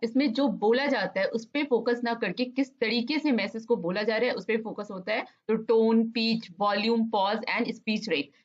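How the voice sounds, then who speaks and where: Lady teaching an exam lesson, bit high voice, reads the bits slow, dull lo-fi sound. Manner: mixes Hindi and English, reads English answers slowly and deliberately. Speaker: online lecturer. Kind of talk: exam-focused lecture.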